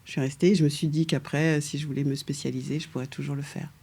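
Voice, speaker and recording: A middle-aged woman, a guest architect from France raised in Paris from age two, talks in a casual conversational interview. Her voice is low-pitched and husky, and she is hesitant, with many fillers and restarts, laughing lightly.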